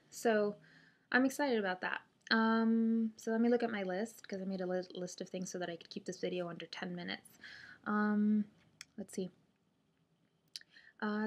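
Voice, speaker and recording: A woman chatting casually to camera as a vlogger, hesitant and thinking aloud, speaking with a stiff mouth and limited jaw opening after jaw surgery. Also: medium pitch. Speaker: vlogger sharing surgery recovery update.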